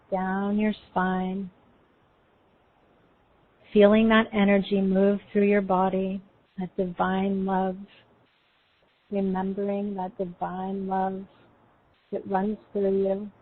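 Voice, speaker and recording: A woman speaks as a spiritual meditation guide, soothing and unhurried. Her pitch stays level and her phrases come slowly, with pauses between them. The sound is thin and narrow, like a phone call. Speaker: guest energy healer leading a guided meditation. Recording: tinny, phone-like call audio.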